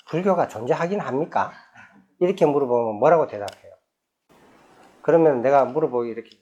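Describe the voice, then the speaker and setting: A man's voice: medium pitch, dark tone. A man, a Buddhist monk, giving a dharma lecture on a sutra. He reads scripture passages aloud, then explains them in plain, conversational speech, often asking his listeners questions. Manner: conversational, asks the audience rhetorical questions.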